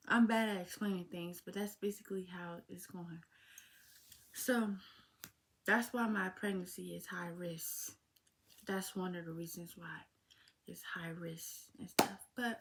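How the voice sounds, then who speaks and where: An eighteen-year-old woman talking casually to her viewers in a heartfelt vlog Q&A, calling them y'all. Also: medium pitch. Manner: talks slowly, informal and heartfelt, addresses viewers as y'all. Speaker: vlogger. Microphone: phone.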